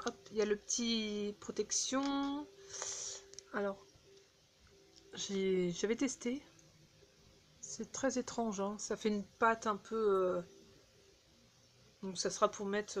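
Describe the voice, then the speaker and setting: A woman casually chatting through a beauty haul, halting with fillers and restarts, recorded on a phone indoors. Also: medium pitch. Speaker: beauty vlogger.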